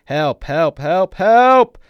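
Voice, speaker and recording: A man's voice: deep voice, steady tone, normal speed, dry recording, muffled recording, natural voice. A man voicing a menacing male bully who snarls threats, then shrieks for help. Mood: shrieking.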